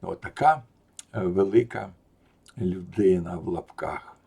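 A man with a low, gravelly voice tells a personal story in casual spoken style. His tone carries a husky edge, and he grows animated and scornful as the tale builds, pushing louder at the punchlines. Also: a little slow. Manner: animated and mocking, rising loud at the punchlines. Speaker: storyteller recounting a personal anecdote.

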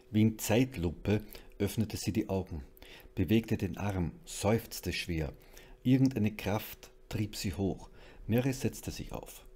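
Man, low dark voice, husky, suspenseful audiobook reading. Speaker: audiobook reader. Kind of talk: dramatic horror audiobook narration.

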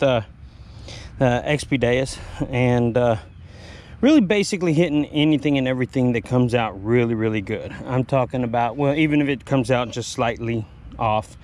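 A man's voice: mid-range voice, a little mellow, slight background noise. A man narrating his metal detecting hunt outdoors, breathing hard and rambling with filler words. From Texas. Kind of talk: casual narration while digging. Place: outdoors in a humid field.

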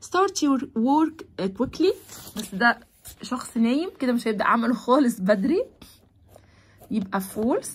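A woman with an Egyptian Arabic accent explains a children's English lesson in a high, breathy voice. She draws the English words out slowly and then explains them quickly in Arabic. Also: expressive. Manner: switches between Arabic explanation and slow, drawn-out English words. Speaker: English teacher.

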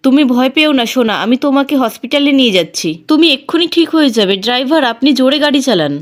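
A woman's voice: high voice, lively intonation, fast. A woman voicing a scheming woman who poses as her own twin, read in her plain narrating voice.

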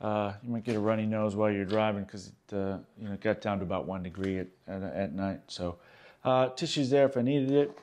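A man in his fifties from Australia, hosting a casual gear vlog and chatting in a relaxed way with lots of "uh"s, recorded at a table in a small room. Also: fairly low pitch, brisk, a little hiss or hum. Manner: relaxed, chatty, many "uh" fillers. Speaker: host. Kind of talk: casual show-and-tell vlog.

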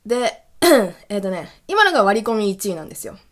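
A woman hosting a casual solo radio talk, telling stories in an animated way and laughing often. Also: mid-range voice, fairly quick. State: recovering from illness. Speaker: podcast host.

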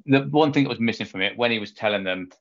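Low-voiced man in rambling podcast chat. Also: quick pace. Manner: rambling, chatty, amused. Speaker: podcast co-host. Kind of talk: casual chat. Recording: dull lo-fi podcast audio.

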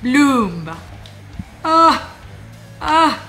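A young woman with an Argentine accent, commenting on her own gameplay, muttering softly while she plays and breaking into high shrieks. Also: sing-song, drawn-out words, soft background music. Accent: Argentine Spanish. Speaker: gaming YouTuber.

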